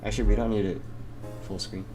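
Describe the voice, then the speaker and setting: A man's voice: on the low side, steady tone, quick pace, dark tone, faint music behind. A young man co-hosting a casual podcast, easygoing and hesitant with many fillers. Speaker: podcast co-host. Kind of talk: casual chat.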